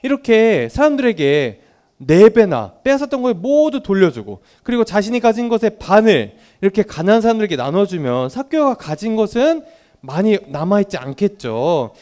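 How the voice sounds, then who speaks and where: A man's voice: sits high, sing-song, moderate pace, a little mellow. A man teaching a Sunday school lesson, telling a Bible story to young children and often asking them questions.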